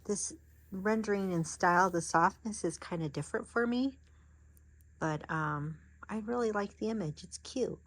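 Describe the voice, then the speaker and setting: A woman's voice: medium pitch, normal speed. A woman chatting casually on camera as she unboxes craft supplies, gasping and gushing over each item. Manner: gasping, excitable, chatty with restarts. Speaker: crafting vlogger.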